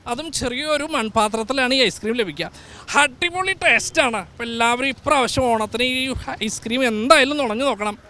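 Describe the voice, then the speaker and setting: A man's voice: very high-pitched, normal speed, bright, forceful tone. A man playing a festive, teasing King Mahabali who hosts a comic outdoor street show with quizzes and giveaways. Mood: cheerful. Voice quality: playful, with teasing exclamations. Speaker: host.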